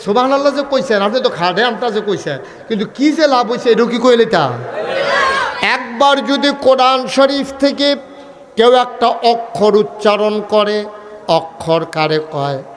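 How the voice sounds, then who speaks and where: A man preaching a waz sermon in colloquial speech, firing questions at the crowd for answers and rising to shouts and chanted lines. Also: very high-pitched, measured pace, background noise. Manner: calls questions to the crowd for replies; lively, rises to shouts, chants some lines. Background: crowd at an open gathering.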